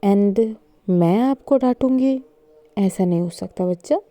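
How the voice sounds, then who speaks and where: A woman's voice: medium pitch, slow pace, warm tone, no echo, natural voice. A woman voicing a stern but loving grandmother in a storybook reading, scolding her granddaughters. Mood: gentle. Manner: scolding, then soothing.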